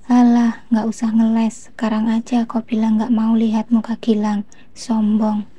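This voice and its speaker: A woman's voice: a little high, monotone, moderate pace, mellow, dry recording, natural voice. A woman reading the lines of a scornful, haughty older mother-in-law in a storybook reading, sneering and insulting.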